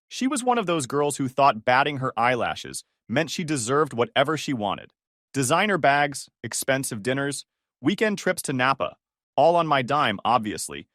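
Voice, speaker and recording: A man in his twenties narrates his own scripted first-person story in a sarcastic, wry tone. His voice is medium-pitched and a bit bright, recorded in a clean studio with no echo.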